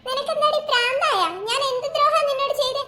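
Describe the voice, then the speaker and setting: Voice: very high voice, steady tone, fast, bright, forceful tone, echoey room, voice pushed up. A performer voicing a young man in a cartoon, answering a phone call and brushing off the worry about a ghost. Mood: irritated. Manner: casual, reassuring, offhand.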